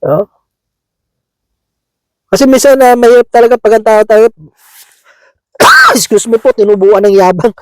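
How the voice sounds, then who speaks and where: A man's voice: very high-pitched, wildly swooping pitch, moderate pace, long pauses, no room sound, poor audio. A man preaching a conversational sermon, chuckling often and checking in with his listeners, slipping English words into his talk. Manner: chatty, keeps asking "di ba?", chuckles often.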